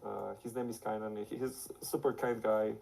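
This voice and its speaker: A studio director with a raspy, hoarse voice from being sick, talking casually on a livestream and rambling through his explanations. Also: on the low side, little pitch movement, fairly quick, rough recording. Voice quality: raspy from illness. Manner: rambling, restarts, explains warmly.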